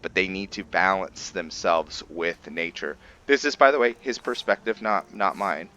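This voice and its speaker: The host of a gaming roleplay series offers casual let's play commentary, musing and explaining as he goes. He has a low voice with a sharp tone and a moderate pace.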